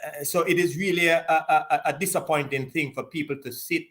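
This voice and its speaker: Encouraging host, measured speech. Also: male voice, fairly high pitch, fairly even intonation, a bit bright. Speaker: talk show host. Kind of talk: live online interview.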